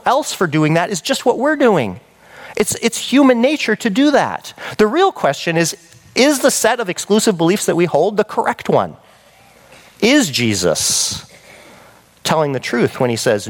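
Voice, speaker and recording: A man preaching a sermon in a conversational, animated way, often checking in with the listeners. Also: on the high side.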